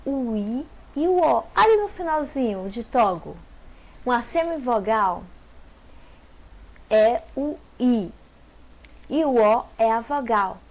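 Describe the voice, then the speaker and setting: Woman teacher, slow deliberate pace, slightly high voice, sounds out syllables, rhetorical questions. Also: lively intonation, a little mellow. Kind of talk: grammar lesson.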